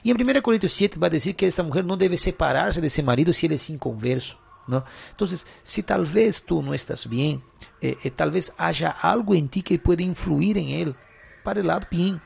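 A middle-aged male pastor offers question-and-answer sermon advice, full of rhetorical questions and constant short tag checks at the ends of his sentences. His voice is on the high side and animated at a normal speed, creaky, a little mellow, and breathy at the edges.

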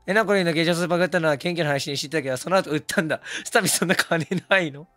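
A hoarse man, talking casually on stream, excitable and quick to laugh or yell. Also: a little high, no room sound, soft background music. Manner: excitable, switches between laughing and yelling. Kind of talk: casual stream talk reacting to comments.

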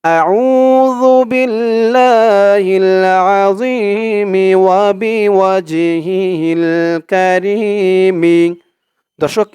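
A man teaching a prayer syllable by syllable, speaking slowly and patiently and drawing out each recited word. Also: a little high, darkish tone, dry recording. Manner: slow, patient, spells out each syllable and recites Arabic drawn out. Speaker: religious teacher.

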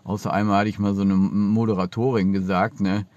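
A man's voice: lowish voice, flat delivery, a little fast, a little mellow, no room sound, muffled recording. A middle-aged man chatting casually and ramblingly to camera, often ending on little tag questions. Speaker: backwards-speech performer. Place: inside a car. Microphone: phone at arm's length.

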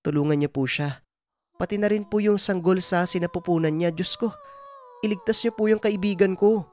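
A man voicing a gentle, worried middle-aged village mother who soothes and pleads. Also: high-pitched, normal speed, voice pushed up, close to an everyday voice. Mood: pleading.

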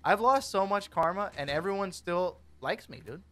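A man chatting loosely over his gameplay, cracking jokes and talking back to the characters. His voice sits slightly high and swings widely in pitch. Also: lively intonation, normal speed, pushed and bright. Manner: goofy, rambling, jokey, talks to characters. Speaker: gaming streamer. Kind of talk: casual gameplay commentary.

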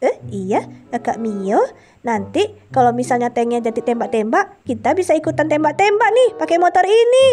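A woman voicing a timid little girl in a game-animation drama. She speaks softly and meekly, with quiet replies. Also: sits high, animated, moderate pace, voice pushed down. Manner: soft, meek, quiet replies. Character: timid little girl Celin, soft and meek.

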